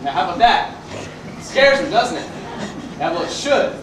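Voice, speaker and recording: A young man playing a ranting barfly who spins a rambling tall tale in a stage comedy sketch, stopping himself mid-story and working up to shouts, heard from far off in an echoey school auditorium. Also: high voice, very animated, moderate pace. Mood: wry. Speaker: student performer in a variety show sketch. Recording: echoey hall, mic far off, noisy.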